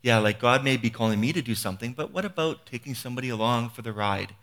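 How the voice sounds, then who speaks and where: A man's voice: medium pitch, quick pace, a bit bright. A man in his fifties giving an earnest, conversational sermon, often restarting phrases and asking rhetorical questions. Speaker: preacher.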